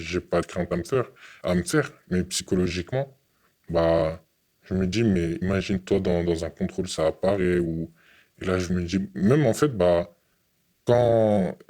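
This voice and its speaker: A young man from France giving an earnest, halting interview testimony, often repeating his words. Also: low-pitched, warm tone.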